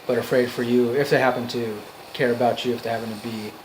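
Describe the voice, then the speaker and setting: A man giving an off-the-cuff motivational monologue, earnest and emphatic, in halting phrases that repeat for emphasis. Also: mid-range voice, flat delivery, noisy background. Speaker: amateur motivational speaker.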